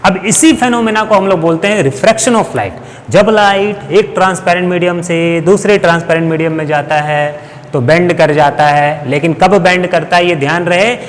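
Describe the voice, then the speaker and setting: In a large hall, a man with a high-sitting voice delivers a physics lecture to school students at a moderate pace. He explains things step by step, posing questions and answering them himself.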